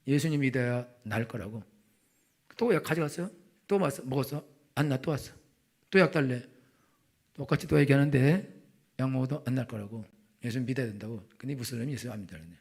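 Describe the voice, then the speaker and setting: A man's voice: mid-range voice, quick pace, long pauses, a little mellow, husky. A middle-aged male pastor preaching a colloquial sermon, telling stories and acting out the voices of the people in them. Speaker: senior pastor.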